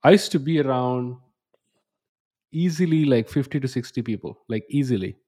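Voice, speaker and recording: A man in his thirties hosts a podcast with a mid-pitched voice. He talks reflectively and rambles, often restarting his sentences. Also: normal speed, warm tone. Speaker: podcast host. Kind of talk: casual interview chat.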